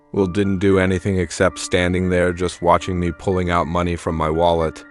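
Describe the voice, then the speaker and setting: A man narrating a first-person horror story in a steady, plain recounting manner. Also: low-pitched.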